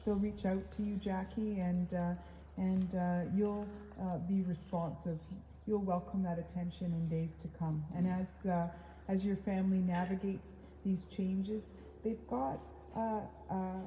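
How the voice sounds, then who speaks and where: A woman officiating at an outdoor graveside service, giving a gentle funeral address with halting pauses. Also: medium pitch, little pitch movement. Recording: muffled, echoey, noisy outdoor ambience.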